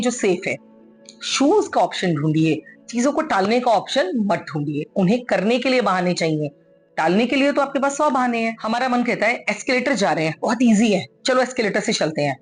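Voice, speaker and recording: A woman giving an earnest, coaxing motivational talk, mixing English phrases into her speech. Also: a little high. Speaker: motivational speaker.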